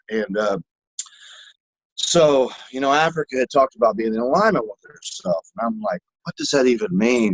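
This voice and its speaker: A man's voice: medium pitch, fairly bright tone, no room sound, low-quality recording. A man co-hosting a casual podcast, telling stories animatedly, acting out voices and swearing freely. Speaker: podcast co-host.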